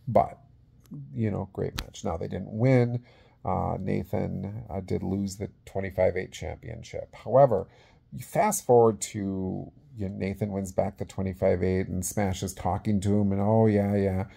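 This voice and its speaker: A man in his forties speaking as a casual awards presenter, halting and conversational, into a phone held at arm's length in a small room. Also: deep voice, steady tone, creaky, dark tone, husky. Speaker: vlog host presenting awards. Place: small indoor room with plain wall.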